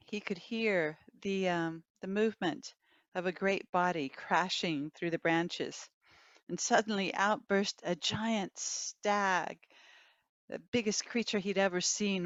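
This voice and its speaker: Storyteller woman, lively folk-tale telling with asides and howls, muffled dry call audio. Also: mid-range voice, dry recording. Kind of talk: oral storytelling for adults. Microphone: video call.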